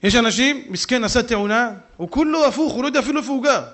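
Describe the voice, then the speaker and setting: A rabbi preaching a humorous sermon, talking straight to his listeners and jumping into shouted asides. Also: very high-pitched. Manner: animated, jumps into shouted asides and quick put-on voices; humorous, talks straight to the audience. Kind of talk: sermon with storytelling. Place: synagogue hall.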